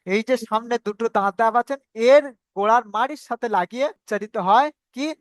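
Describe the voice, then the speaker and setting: Male recitation teacher, patient, repetitive drilling, slow spelled-out sounds, dry close audio. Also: extremely high pitch, no room sound. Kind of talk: online class teaching. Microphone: video call.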